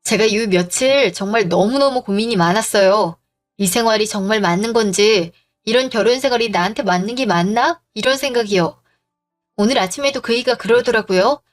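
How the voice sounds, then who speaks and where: A woman tells a first-person story in a firm, composed voice that sits a little high. She speaks steadily and plainly, keeping her points clear. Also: moderate pace, faint music behind. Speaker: narrator and wife.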